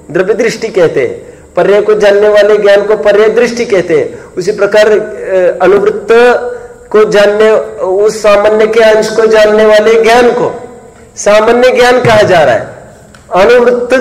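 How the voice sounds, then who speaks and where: A man's voice: high voice, a little mellow. A man teaching Jain philosophy in a lecture, questioning students, repeating key points and chiding those who do not follow. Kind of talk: classroom lecture explaining a text. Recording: long reverb in a hall.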